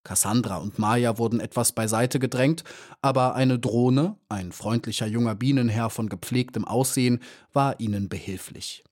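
Male audiobook narrator, mid pitch, measured storybook reading. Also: darkish tone.

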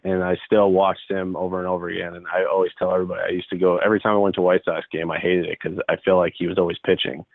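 A man in his twenties from the Chicago area, a baseball pitcher guesting on an interview, talking loosely and rambling with lots of filler "like.". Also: level tone, rapid-fire, vocal fry, few pauses, dry recording. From Chicago area, United States. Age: 20s. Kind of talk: casual interview chat. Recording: tinny phone-like line.

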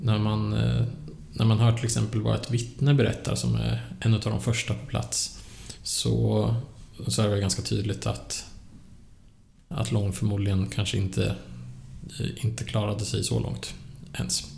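A man's voice: fairly low pitch, little pitch movement, gravelly, a little mellow, a little hiss or hum. A man co-hosting a casual true-crime podcast, hesitant with many fillers and restarts. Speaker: podcast co-host. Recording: echoey room.

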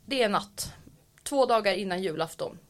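A woman co-hosting a casual podcast, telling a story with animated energy. She acts out the voices of the people she quotes and swears freely. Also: medium pitch. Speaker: podcast co-host.

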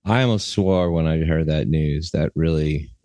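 Deadpan male podcast co-host, low voice, dry close recording. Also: moderate pace, no echo. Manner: deadpan joking, interrupts. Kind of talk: comedic casual chat.

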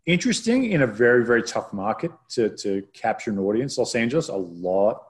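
A man hosting a casual news roundup, relaxed and rambling, with frequent restarts and fillers. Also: mid-range voice, brisk. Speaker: podcast host.

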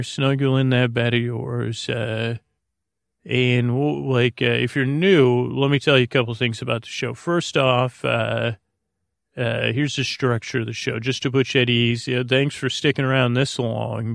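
In a close, dry recording with no echo, a man with a creaky, gravelly, mid-range voice speaks flatly and soothingly, like a friendly podcast host at bedtime. His rambling monologue is meant to lull listeners to sleep. He meanders, halts, repeats himself, and trails off mid-thought.

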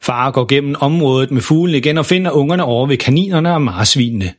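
Man reading a kids story, voice goes up and down a lot, bit husky. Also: medium pitch. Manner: lively, expressive. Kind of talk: scripted children's story narration.

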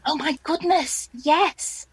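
A woman's voice: high-pitched, slow pace, no room sound. A woman from England co-hosting a casual podcast chat, jokey and rambling. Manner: chatty, jokey, rambling with fillers. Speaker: podcast co-host.

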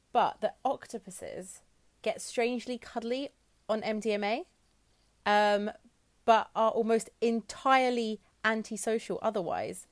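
Woman on a chatty podcast, dry humor, knocks herself a bit, laughs a lot. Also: mid-range voice. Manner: dry, self-deprecating, laughs often. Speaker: podcast co-host. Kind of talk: casual chat.

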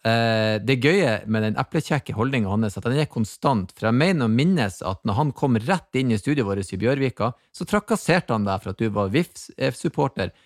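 A man's voice: medium pitch, animated, few pauses, no echo, studio quality. A male podcast host in casual chat, upbeat and introducing guests and clips.

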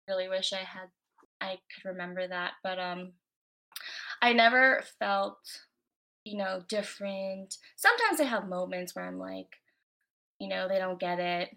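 In a mid-range, fairly bright voice, a young Floridian woman chats as a guest in a casual interview. She talks loosely and conversationally, leaning heavily on "like" and "you know."

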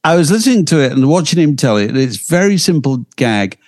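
Male podcast co-host, animated pitch, chatty storyteller. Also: fast. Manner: lively, chatty storytelling with restarts. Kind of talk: casual chat.

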